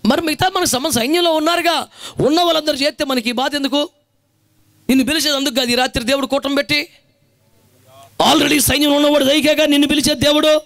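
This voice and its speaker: A man's voice: extremely high pitch, fairly even intonation, fast talker, pauses often, a bit bright. A male pastor with a Telugu accent preaching a fervent sermon in a colloquial style, urging the congregation to respond aloud. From India. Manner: colloquial, dramatizing biblical characters in everyday speech.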